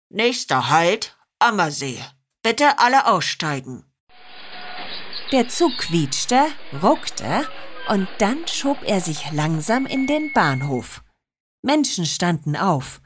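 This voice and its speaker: A woman in scripted narration of a children's story, expressive and playful. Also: mid-range voice, breathy edge.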